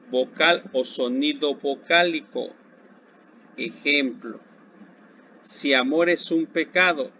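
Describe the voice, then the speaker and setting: Casting note: male Mexican Spanish teacher, slightly higher voice, very slow pacing, asks and answers his own questions, dull lo-fi recording. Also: bright, forceful tone. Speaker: secondary school Spanish teacher. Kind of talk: recorded classroom lesson. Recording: dull lo-fi recording with faint background hiss.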